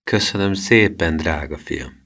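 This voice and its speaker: A man's voice: low voice, fairly bright tone. Old storybook granny, bossy and fond, scolds with love, male narrator. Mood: tender. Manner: scolding yet tender. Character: bossy, affectionate old grandmother.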